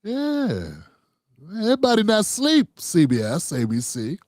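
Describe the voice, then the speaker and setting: In this clip the host's voice is high-pitched with huge swings in pitch, delivered at a measured pace with a slightly mellow tone. It's clean studio sound without echo as he rambles profanely through his political monologue, addressing viewers as "fam."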